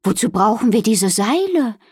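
A woman's voice: a little high, sing-song, normal speed, a little mellow, husky, no echo, studio quality, voice pushed up. A woman voicing a cheerful, busy female hotel keeper in a storybook reading.

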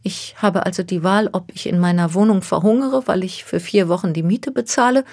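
A woman's voice: mid-range voice, a little fast, darkish tone, voice pushed up, close to an everyday voice. Woman voicing a distraught young woman near tears. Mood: tearful. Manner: pleading, close to tears. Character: young woman, distraught, stranded by a cruel hoax.

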